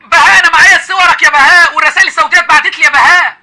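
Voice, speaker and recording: A man's voice: extremely high pitch, steady tone, rapid-fire, pushed and bright. A man with an Egyptian accent hosting a live call-in debate, taunting and mocking the caller with laughter. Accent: Egyptian Arabic. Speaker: live-stream host.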